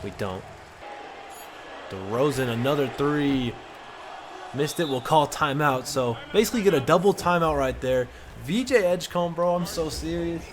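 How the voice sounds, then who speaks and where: A man giving casual, excited play-by-play commentary over a basketball video game, with slang in his talk. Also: fairly high pitch, moderate pace, noisy background. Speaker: gaming content creator.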